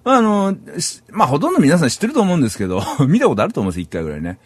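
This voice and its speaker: A man's voice: on the high side, wildly swooping pitch, very fast, husky, no room sound. A middle-aged man from Saitama, Japan, hosting a solo podcast in a rambling, casual way and chuckling at himself. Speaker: podcast host.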